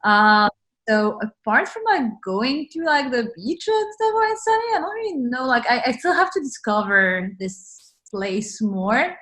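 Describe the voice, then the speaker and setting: The recording is low quality, carrying a slightly high, sing-song, somewhat bright voice from a French woman who speaks at a measured pace. She's an interview guest on a video call, chatting casually with plenty of "like," "uh," and easy laughter.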